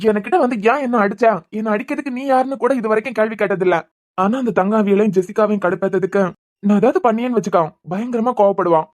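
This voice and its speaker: A hot-tempered young man, voiced by a woman, argues at a rapid clip in a Kanyakumari Tamil accent. His scolding, argumentative manner suits a homemade cartoon serial. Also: mid-range voice, a little mellow, natural voice. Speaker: voice artist.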